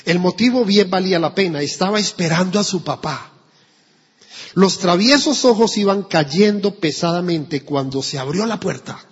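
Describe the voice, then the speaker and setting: A man's voice: high-pitched, lively intonation, moderate pace, husky. A man preaching an emphatic sermon in church, telling a story along the way. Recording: dull echoey church recording.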